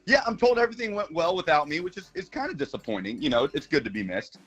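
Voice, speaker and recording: A man's voice: a little high, very animated, fast talker, fairly bright tone, slightly rough, soft background music. A man from Brazil, a regular on a sports talk show, calling in over a phone line and chatting in a wry, earnest way. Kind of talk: casual sports radio chat.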